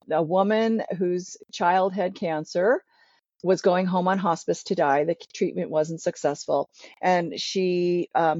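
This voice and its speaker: A woman podcast host explaining a point in a measured way. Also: deep voice, dark tone, dry recording. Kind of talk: casual podcast chat. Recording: dull lo-fi sound.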